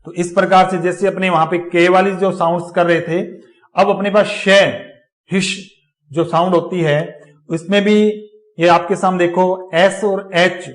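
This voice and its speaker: Lecturing on phonetics in class, this teacher moves step by step and says every example word again while explaining. His voice sits high and flat, and his pace is moderate.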